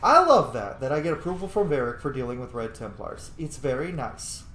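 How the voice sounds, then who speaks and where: A let's play streamer with a mid-range, slightly bright voice talks briskly, his pitch swinging a lot. His commentary on the game is casual and playful, peppered with occasional swearing and rambling digressions. The audio carries a roomy echo and faint background noise.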